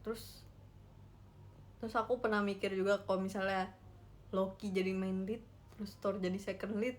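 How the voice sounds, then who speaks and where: A young woman chats to her viewers from her room, emotional and animated, spilling out her thoughts with lots of fillers. Her pitch sits in an ordinary middle range. A faint hiss of background noise runs under her phone-mic voice. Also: normal speed. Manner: chatty, emotional, animated storytelling with many fillers. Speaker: idol livestream host. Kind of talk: casual solo livestream chat.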